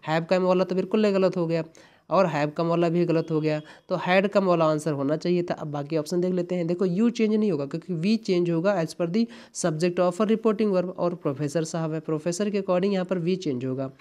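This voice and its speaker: Mellow-voiced man teaching exam English. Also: high-pitched, normal speed. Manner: explains step by step, repeats key words, frequent "है ना" tags. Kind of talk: exam-prep lesson.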